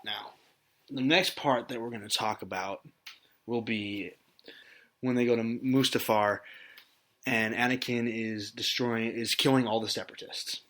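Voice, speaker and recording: Bright-voiced man recapping in casual chat. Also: medium pitch, steady tone, unhurried. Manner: rambling recap with hesitations and laughs. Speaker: podcast host.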